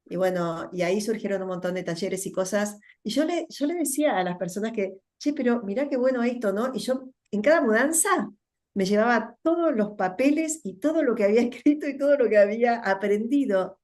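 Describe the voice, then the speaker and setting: A middle-aged woman with a Rioplatense Spanish accent, a guest telling her story in a thoughtful interview, often pausing and repeating words as she searches for them. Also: on the high side, a little mellow. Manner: thoughtful, with many fillers and repetitions. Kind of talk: reflective conversational interview.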